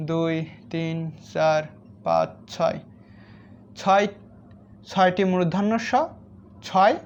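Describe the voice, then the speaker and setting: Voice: medium pitch, a little hiss or hum. Patient teacher counting aloud, slightly dull sound. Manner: counts aloud item by item, addresses children directly. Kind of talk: step-by-step lesson for young children.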